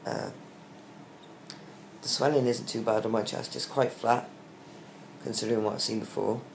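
A young British man, weak, tired and short of breath after surgery, talking haltingly in a casual video diary. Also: mid-range voice, fairly even intonation, vocal fry. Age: young adult. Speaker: vlogger giving a recovery update. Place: small hospital room, lying in bed. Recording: roomy echo with faint background hiss.

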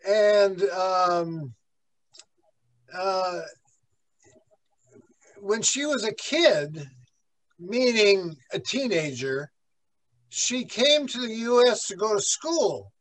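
Slow, high-voiced pastor teaching a class. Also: male voice, expressive, poor audio. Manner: slow, rambling, with many fillers and asides. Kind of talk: conversational Bible class lecture. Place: church classroom.

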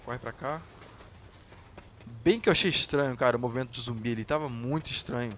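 A Brazilian man hosting a gaming channel, commenting on gameplay in casual, excitable chat and swearing freely at the viewers. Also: medium pitch, brisk, a little hiss or hum. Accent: Brazilian Portuguese.

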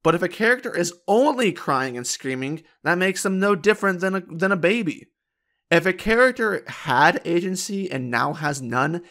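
Sarcastic male video essayist, fairly high voice, scripted commentary. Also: vocal fry, fairly bright tone. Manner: sarcastic, dismissive.

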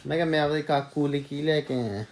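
A man's voice: fairly high pitch, fast talker. A man, a new father, chatting casually to the camera for his family vlog. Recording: noisy recording.

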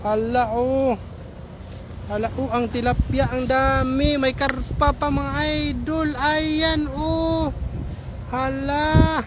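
The recording is very noisy, and the man's voice is very high and slow-paced. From Samar, Philippines, he walks through a park by a pond in daytime, vlogging on his phone and calling his viewers "idol" amid excited, chatty exclamations.

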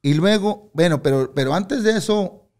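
An older man, a guest musician in a casual interview, tells stories bluntly and candidly, swearing freely and acting out what others said. His voice is high and a little mellow, with lively intonation at normal speed.

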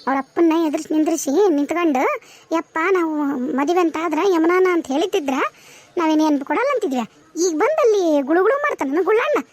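A woman's voice: very high-pitched, animated, a little fast, dry recording. A woman voicing an anxious, scolding village mother in a cartoon, speaking with a North Karnataka Kannada accent. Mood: angry. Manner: loud, scolding, fussing questions. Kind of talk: cartoon voice acting.

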